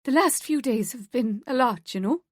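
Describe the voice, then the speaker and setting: A woman voicing an earnest, naive young woman who talks in a bright, pleading way. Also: high voice, lively intonation, normal speed, dry recording, clean studio sound, voice pushed up.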